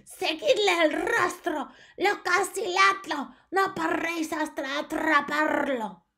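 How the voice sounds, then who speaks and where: Woman doing a gravelly old witch queen, slow harsh commands, bright sharp edge, high voice, storybook reading. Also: heavily acted. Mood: commanding. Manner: barking orders, harsh and scornful. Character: domineering old female Grand High Witch, fierce.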